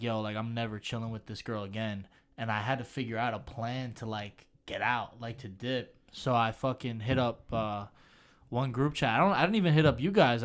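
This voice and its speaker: A young man co-hosting a podcast, talking loosely with slang and plenty of fillers. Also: mid-range voice. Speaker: podcast co-host. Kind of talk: casual chat.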